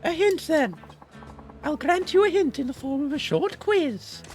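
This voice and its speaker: Teasing old granny fortune teller from a game, super high voice, cryptic n mocking, music behind. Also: female voice, big pitch swings, unhurried, darkish tone. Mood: teasing, scolding. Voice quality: high-pitched old lady voice. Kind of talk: playful improvised game voice-over in character.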